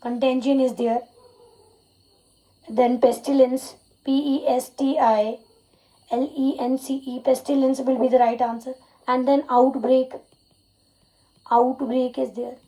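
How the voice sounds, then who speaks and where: A woman's voice: sits high, warm tone, low-quality recording. A woman English teacher with an Indian accent giving an exam-prep vocabulary lesson, spelling words letter by letter and adding Hindi glosses, often saying "you can say". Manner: repeats "you can say" as a filler.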